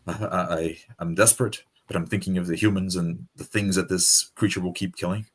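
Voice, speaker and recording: Male tabletop player, deep and husky, storytelling his character's moves. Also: steady tone, brisk, a bit bright.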